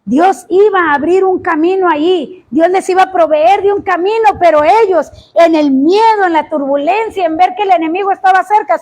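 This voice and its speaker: A woman preaching a sermon, impassioned, often rising to shouts and drawing out words for emphasis. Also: very high voice, moderate pace, few pauses.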